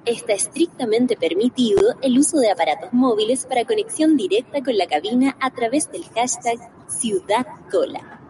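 A woman giving a formal, measured mock airline cabin announcement as if over an airplane intercom, introducing a radio show. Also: on the high side, lively intonation, noisy background. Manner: formal, measured flight-attendant delivery. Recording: distant voice, faint ambience.

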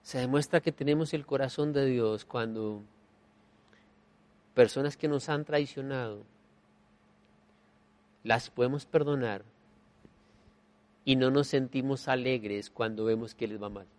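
A man preaching a sermon, emphatic, swinging between soft and loud and repeating key phrases as refrains. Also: medium pitch, unhurried, long pauses. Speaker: pastor.

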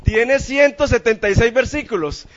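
Man, sermon, high voice, playful questions to the congregation, muffled church recording. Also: normal speed. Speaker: preacher.

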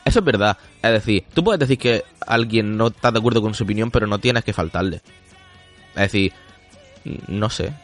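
A man's voice: fairly low pitch, a little fast, faint music behind. A man hosting a casual podcast chat, reading listener comments aloud, laughing often and swearing casually.

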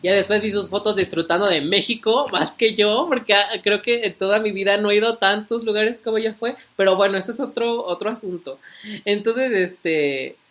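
A man's voice: sits high, normal speed, a bit bright. A young man with a Mexican accent casually telling a story as a vlogger, rambling with many fillers and asides.

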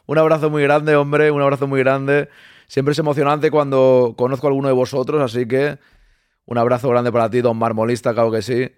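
A man with a Spanish accent hosting a live stream, greeting viewers by name with quick, animated asides. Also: medium pitch, clean tone, no echo. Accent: Spanish from Spain. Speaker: live-stream host reading chat. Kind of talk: casual live-stream chat.

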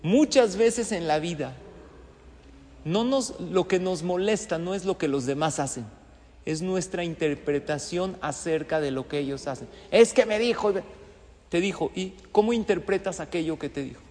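A high-pitched man delivers a motivational talk, acting out little scenes and putting questions to his listeners. His voice rings out with a long, hall-like reverb. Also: moderate pace. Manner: animated, acts out scenes and asks the audience questions. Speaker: speaker addressing an audience.

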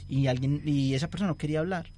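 A man's voice: fairly high pitch, rapid-fire, mellow, slight background noise. A young man telling a long, rambling story in casual chat and acting out the quotes. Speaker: guest storyteller.

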